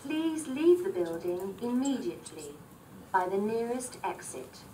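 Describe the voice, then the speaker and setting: Woman's distant PA loudspeaker announcement. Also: fairly high pitch, big pitch swings, a little hiss or hum. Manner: measured, repetitive and formal. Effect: fire alarm announcement over a building PA loudspeaker. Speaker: recorded building announcement. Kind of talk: formal public address announcement. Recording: distant PA speaker heard from across a hearing room.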